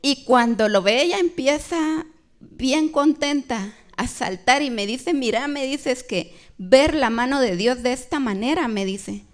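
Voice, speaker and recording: A woman's voice: high voice, animated, unhurried. A woman giving a personal faith testimony at a church women's event, telling her story and acting out the quoted dialogue, often tagging her phrases with a questioning "right?".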